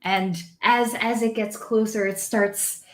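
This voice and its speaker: A woman narrating as dungeon master in an unhurried, descriptive way, with small self-corrections. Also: mid-range voice, fairly even intonation. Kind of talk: narrating a tabletop game. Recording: echoey room.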